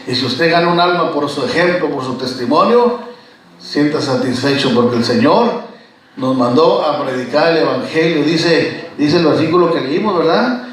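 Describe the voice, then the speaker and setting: A man with a fairly high voice preaches to his congregation, telling stories and calling out to the brothers. He sounds distant from the microphone in a very reverberant church. A faint hum of room noise sits underneath. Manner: storytelling, keeps addressing listeners as brothers. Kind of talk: sermon. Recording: echoey church recorded from far off.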